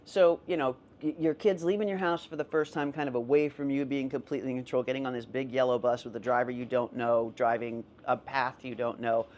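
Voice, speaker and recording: A woman's voice: extremely low pitch, fairly even intonation, a little fast, hardly any pauses, a little mellow. A middle-aged woman co-hosting a podcast, telling family stories in casual chat and laughing often. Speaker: podcast co-host.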